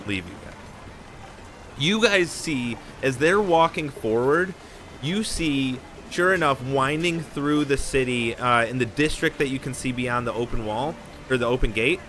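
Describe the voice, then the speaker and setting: A man narrating a tabletop game as game master, relaxed and rambling. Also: mid-range voice, slight background noise.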